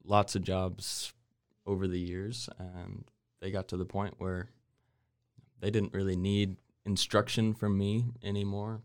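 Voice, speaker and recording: A man from Waco, Texas speaks as a guest in a casual chat, his voice sitting very low. He talks in an easygoing, unhurried way, pausing often with fillers. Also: level tone, clear, resonant tone, no echo, studio quality. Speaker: guest, painter.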